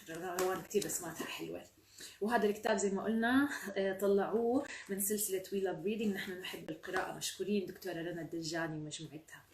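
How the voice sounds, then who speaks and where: A woman's voice: medium pitch, darkish tone, slight background noise. A woman with a Levantine Arabic accent hosting a children's storytime, chatty and encouraging. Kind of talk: reading aloud to children. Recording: roomy sound from a distant mic.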